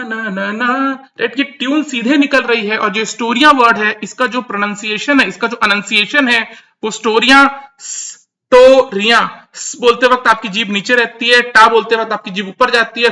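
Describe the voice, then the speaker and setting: A man with a high, lively voice and a sharp, bright tone breaks down song lyrics in an emphatic commentary. He drives his points home by repeating them. His talk mixes English terms into Hindi. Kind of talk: explanatory commentary to camera.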